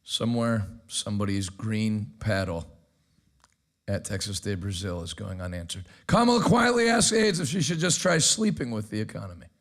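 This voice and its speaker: Sarcastic guy hosting a news show, gravelly voice, brash and loud. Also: on the low side, very animated, moderate pace. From United States. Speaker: host. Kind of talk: energetic commentary.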